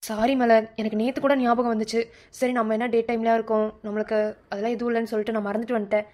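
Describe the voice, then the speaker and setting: A woman's voice: a little high, level tone, very fast, dark tone, close to an everyday voice. A woman voicing a sensible young college girl in a cartoon, with a Madurai Tamil accent and a blunt, reproachful manner. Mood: apologetic. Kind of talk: cartoon voice acting.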